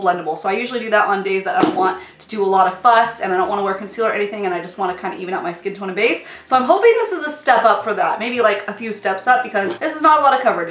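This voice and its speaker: A young adult beauty vlogger reviews makeup in a casual, upbeat vlog, chatty and full of sing-song catchphrases, though she sounds nasal and a little sick. Her medium-pitched voice has a fairly bright tone, and the small indoor filming space gives the room an echo.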